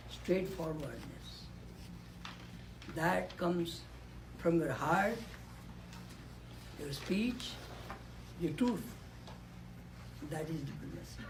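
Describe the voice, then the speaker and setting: Against a noisy background, a man with a fairly high voice speaks reflectively on a conference panel. He's from Nepal and in his 80s, using a handheld or podium microphone in a conference room and repeating key words to emphasize them.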